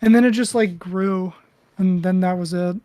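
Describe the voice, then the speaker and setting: Relaxed, profane podcast co-host. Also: mid-range voice, normal speed, no echo. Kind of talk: casual chat.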